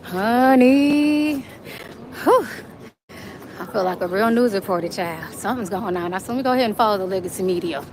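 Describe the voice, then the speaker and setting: A woman livestreaming casually as she walks, chatting and laughing with viewers, at times out of breath from hurrying. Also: medium pitch. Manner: chatty, laughing, walks fast and runs while talking. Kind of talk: casual live-stream vlog. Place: outdoors on a busy city street. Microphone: phone camera held in hand. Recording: crowded street, some far-off pickup. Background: crowd chatter.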